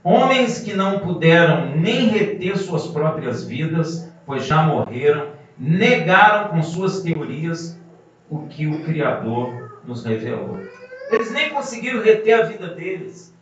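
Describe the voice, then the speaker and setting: A man's voice: on the high side, very animated, slow pace, a bit bright, a little hiss or hum. A man preaching a sermon, emphatic and full of rhetorical questions to the congregation. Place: congregation hall. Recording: muffled, very echoey hall from a distance.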